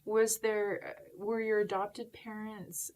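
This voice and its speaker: A woman's voice: mid-range voice, level tone, takes it slowly, a little mellow. Encouraging woman hosting a talk show. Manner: encouraging, asks follow-up questions. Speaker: host.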